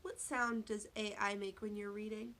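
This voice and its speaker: An elementary school teacher reads aloud in a phonics lesson for young children, speaking deliberately, spelling out words, and asking questions. Her voice is mid-range and sharp in tone, with little pitch movement.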